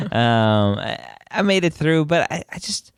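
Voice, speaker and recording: A man in his thirties co-hosting a podcast, joking and halting, often repeating words as he talks. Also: fairly high pitch, very animated, clear, resonant tone, no echo, clean studio sound. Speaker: podcast co-host. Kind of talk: casual podcast chat.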